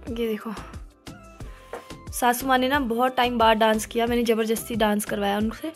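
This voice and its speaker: Describing her wedding photos in a playful, teasing chat, a young bride and vlogger from the Uttarakhand hills speaks at normal speed. Her fairly high voice is delivered flatly, and faint music can be heard behind her.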